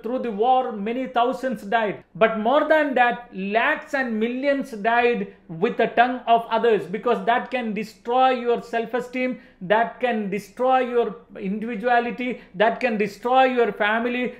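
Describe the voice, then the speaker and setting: A forties-aged man with an Indian accent preaches forcefully in a motivational religious talk, leaning on repeated phrases for emphasis. His pitch is extremely high, and the indoor studio set gives a roomy sound.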